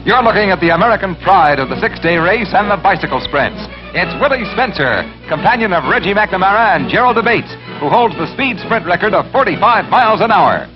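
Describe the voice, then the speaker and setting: A man narrating old newsreel sports footage in an excited announcing manner, heard through old film sound. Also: high-pitched, fairly quick. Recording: dull lo-fi film sound with loud music.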